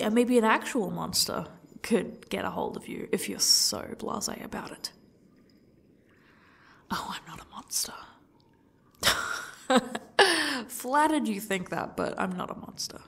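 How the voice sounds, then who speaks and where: A woman playing a smug, sadistic yandere stalker in a breathy ASMR role-play, talking to her captive in a taunting, condescending way. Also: medium pitch. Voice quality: breathy, husky, dropping into speaks softly. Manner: slow, taunting, condescending, faux-gracious.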